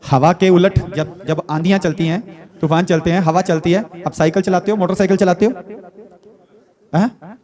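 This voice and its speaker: A male pastor, preaching with animated call-and-response and quizzing his congregation by name. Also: fairly high pitch. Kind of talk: sermon.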